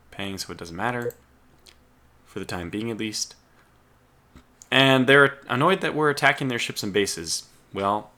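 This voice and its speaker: His voice is lowish, bright, and forceful as he mutters his way through a casual strategy-game let's play. He is losing his voice and clearing his throat, with keyboard typing audible behind him.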